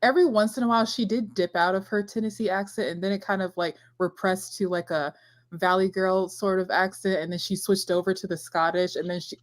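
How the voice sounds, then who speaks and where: A woman with a middle-pitched voice joins a book club livestream as a guest. She talks things through thoughtfully in a casual way. She often laughs mid-sentence. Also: steady tone, a little fast. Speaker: guest host.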